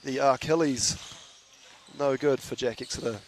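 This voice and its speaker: Man, New Zealand accent, easygoing sports co-commentator, chatty, mid pitch, faint venue noise. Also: moderate pace. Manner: laid-back, chatty, laughs easily. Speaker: basketball commentator. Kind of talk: live sports commentary with banter.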